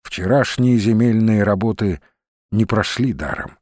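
A man reading a novel aloud in measured audiobook narration. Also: on the low side, animated, a little mellow, dry recording, studio quality. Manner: measured storytelling. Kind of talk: scripted narration.

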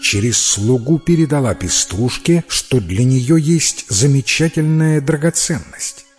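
A man reading a fairy tale aloud in a calm, expressive storybook narration. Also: medium pitch, measured pace. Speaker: audiobook reader. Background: faint music.

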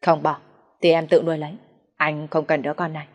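A woman reading the lines of a cold young husband who wants no child, in a flat, dismissive voice. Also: deep voice, a little fast, in a large hall.

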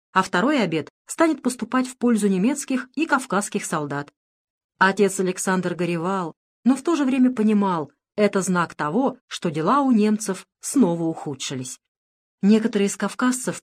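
A woman reading an audiobook in a measured, even scripted narration. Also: medium pitch.

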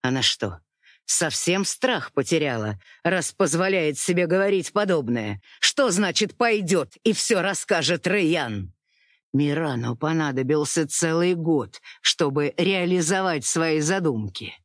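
A narrator reading a dramatic novel chapter in a slow, emotive style. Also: medium pitch, expressive, a bit bright, no room sound, clean studio sound. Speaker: audiobook narrator.

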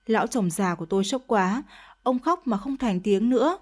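A woman's voice: a little high, animated, moderate pace. A woman narrating a dramatic first-person story in an emotional, confessional tone.

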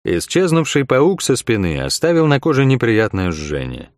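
A man narrates a fantasy audiobook with expressive storytelling, speaking at a medium pitch and moderate pace. The recording is dry, with clean studio sound.

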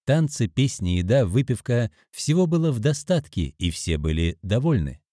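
Male audiobook narrator, lively expressive delivery, warm dark tone, dry close sound. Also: mid-range voice, normal speed, dry recording. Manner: expressive storytelling.

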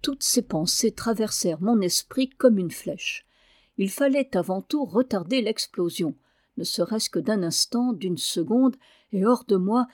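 Female audiobook reader, classic novel; steady expressive narration, medium pitch, dry sound. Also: no room sound. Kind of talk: reading a classic novel aloud.

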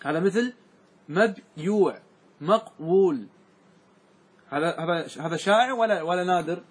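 Sheikh teaching grammar in class, highish voice, a bit husky, keeps asking if it's clear. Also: male voice. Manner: keeps checking that students follow, asking if it is clear; slows and repeats words to stress their forms.

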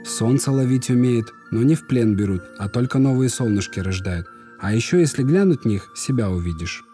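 A man reading a fairy tale aloud, voicing a brave young man who speaks gently and firmly to reassure. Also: mid-range voice, lively intonation, brisk, faint music behind, voice pushed up, lightly acted. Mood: gentle.

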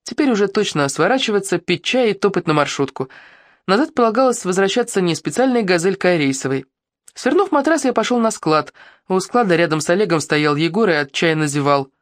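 Lively male audiobook narrator, dry close sound. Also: sits high, fairly quick, dry recording. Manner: lively, expressive storytelling. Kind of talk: first-person audiobook narration.

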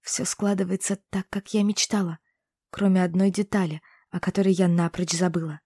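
A woman narrating a first-person fantasy romance audiobook in an expressive, intimate way. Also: on the low side, normal speed, husky, no room sound, studio quality.

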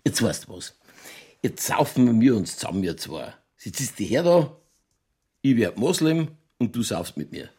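The man playing this Bavarian detective in a German radio crime play is stubborn and provocative, lecturing in colloquial dialect with a husky, gravelly voice. Pitched in the middle and mellow, he sounds very animated at normal speed, with a pushy, colloquial air.

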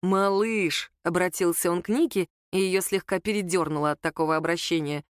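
A woman narrating a story aloud in a steady, intimate manner. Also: on the low side, fast talker, no echo, studio quality. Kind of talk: audiobook story reading.

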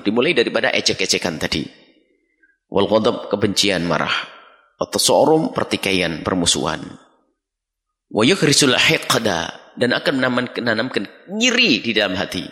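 A man preaching a sermon, reading Arabic phrases and explaining them in an animated, admonishing way. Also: fairly low pitch, moderate pace. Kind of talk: sermon teaching from a classical text. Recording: radio recording with long reverb.

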